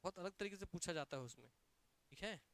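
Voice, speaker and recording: Man, teacher, Chhattisgarhi Hindi accent, smooth clear voice, energetic question-and-answer lecture. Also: sits high, fast. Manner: drills students with repeated questions and answers; energetic, emphatic. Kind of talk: classroom lecture.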